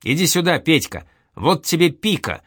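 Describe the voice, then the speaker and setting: A man's voice: mid-range voice, lively intonation, moderate pace, a bit bright, no room sound, clean studio sound. A man voicing an eager young soldier who speaks heatedly and proudly. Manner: heated, boastful.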